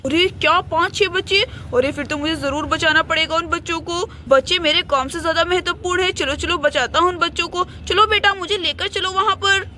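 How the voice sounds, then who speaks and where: A woman's voice: very high voice, sharp tone, slight background noise. A woman doing a brave kindly uncle. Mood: concerned. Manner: brisk, commanding, protective. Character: brave kindly male uncle, rescuer of children.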